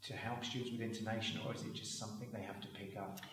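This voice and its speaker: A man examining a candidate, asking probing, measured questions. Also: fairly low pitch, steady tone, a bit bright. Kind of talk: oral exam questioning. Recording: echoey room, mic far off.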